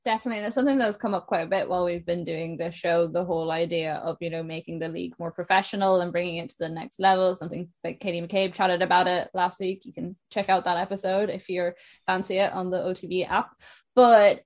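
Young woman, west of Ireland accent, lower-pitched voice, podcast host, casual chat. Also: steady tone, quick pace. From Sligo, west of Ireland.

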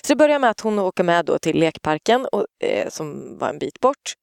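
A woman's voice: on the low side, gravelly, smooth, dry recording, studio quality. A woman, casually telling a story on a podcast and acting out the quotes. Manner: animated anecdote-telling, acts out quotes loudly. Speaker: podcast co-host, parent.

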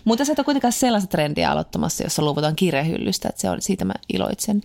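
A woman's voice: lowish voice, animated, creaky, darkish tone. A woman co-hosting a casual chat show, playful and teasing, laughing easily. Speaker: podcast co-host.

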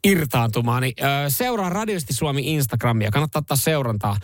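A man's voice: mid-range voice, lively intonation, dry recording, studio quality. A man hosting a morning radio show, joking loosely and laughing often in casual banter with his co-host. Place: radio studio. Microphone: studio microphone.

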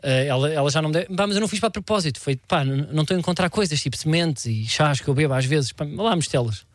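A man with a European Portuguese accent telling a comic story as a regular on a radio show, animated and self-mocking, laughing through it. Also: fairly high pitch, fast, no room sound. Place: radio studio.

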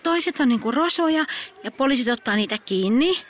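A woman's voice: high-pitched, animated. A woman voicing a chatty, cheerful schoolgirl who eagerly explains playground games. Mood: explaining. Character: cheerful young schoolgirl playmate.

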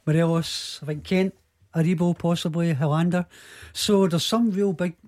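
Higher-voiced musing football panellist. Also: male voice, steady tone, normal speed, darkish tone. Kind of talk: radio sports discussion.

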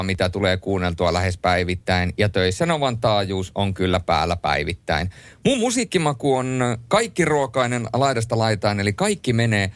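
A man hosting a late-night radio show in a studio, chatting and joking lively and reading listener messages aloud. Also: medium pitch, no room sound. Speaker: radio host. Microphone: studio microphone.

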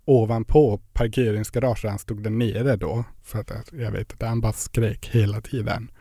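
A man's voice: on the low side, steady tone, mellow, husky, no room sound. Young guy w rambling thru a story, lots of fillers, dead dry mic. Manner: chatty storytelling with many fillers. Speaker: podcast guest. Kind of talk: casual interview chat.

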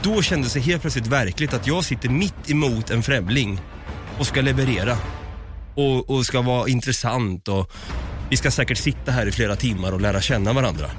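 A man's voice: mid-range voice, music in the background. A man, co-hosting a podcast and telling a story in casual chat, acting out both sides of the exchange. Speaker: podcast co-host.

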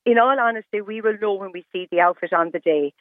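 A woman's voice: mid-range voice, quick pace, no echo. A woman with a west of Ireland accent talks as a phone-in radio guest. She makes her points emphatically, repeating them in short phrases. Her voice comes down a dull, narrow telephone line with no room sound around it. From Galway, west of Ireland. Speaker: interview guest, stylist and fashion competition judge. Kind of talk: live radio phone interview.

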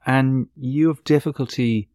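A man's voice: medium pitch, steady tone, measured pace, a little mellow, no room sound, studio quality. A man co-hosting a casual parenting podcast, chatty and asking long, rambling questions.

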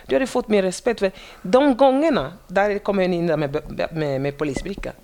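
Gravelly woman police officer, animated storyteller. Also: mid-range voice, slight background noise. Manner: animated storytelling, acts out quotes, repeats words. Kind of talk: casual conversation.

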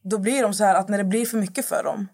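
A woman's voice: mid-range voice, fairly even intonation, darkish tone, slightly rough. A woman talking casually as a guest on a podcast, rambling and restarting her sentences as she searches for words. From Middle East. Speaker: guest influencer.

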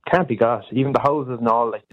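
A man's voice: medium pitch, fast talker, no room sound. A young man with a West of Ireland Kerry accent, a student chatting casually as a radio caller, colloquial and repeating himself as he stumbles into sentences. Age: young adult. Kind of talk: casual radio phone-in chat. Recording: narrow phone-line sound.

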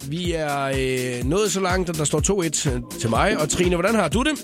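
A man hosting a radio show, guessing in a quiz and cracking quick jokes. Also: on the high side, animated, over music. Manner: joking, quick asides. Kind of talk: casual radio banter.

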